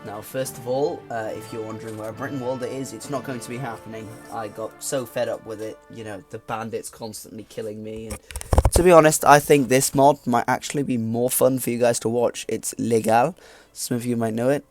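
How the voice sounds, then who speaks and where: A man's voice: mid-range voice, fairly even intonation, fairly quick, a little mellow. A man hosting a casual let's play, chatting in an offhand way and swearing now and then, with faint game music behind. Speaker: gaming channel host.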